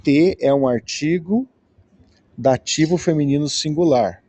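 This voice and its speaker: Slow, patient Brazilian man teaching. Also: on the high side, dark tone. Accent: Brazilian Portuguese. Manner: patient, checks in with "né?" often. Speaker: Greek teacher. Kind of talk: slow, explanatory lesson.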